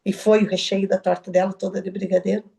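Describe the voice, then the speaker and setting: Soft, halting woman. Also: medium pitch, flat delivery, gravelly. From southern Brazil. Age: middle-aged. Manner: halting, soft-spoken, with restarts and quoted dialogue. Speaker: interview guest. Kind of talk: personal testimony.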